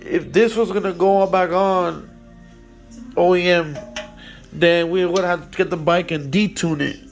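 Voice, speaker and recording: Gravelly-voiced man talking shop slowly. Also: sits high, steady tone, soft background music. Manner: rambling, frequent fillers and restarts; blunt, casual swearing. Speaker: motorcycle mechanic. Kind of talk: casual workshop walkthrough.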